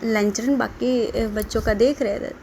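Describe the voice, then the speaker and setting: Chatty higher-voiced woman storyteller. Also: steady tone, measured pace, warm tone, slight background noise. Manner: chatty, quotes characters, breaks into laughter. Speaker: storyteller retelling a drama. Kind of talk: casual spoken plot retelling.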